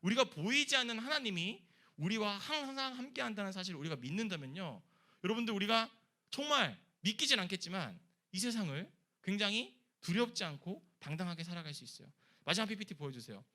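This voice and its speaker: A man's voice: high voice, fairly quick. A middle-aged man preaching a sermon to teenagers as youth pastor, often asking the listeners questions. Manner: lively, addresses listeners with questions. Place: church worship hall.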